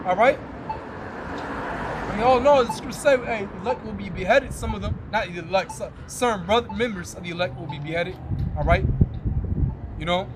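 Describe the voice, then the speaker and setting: A man with a high voice reads scripture slowly and aloud, then breaks into slangy preaching that keeps landing on "man." He is outdoors by a road, and loud traffic and car sounds run behind him. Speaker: street preacher. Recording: loud street and car noise.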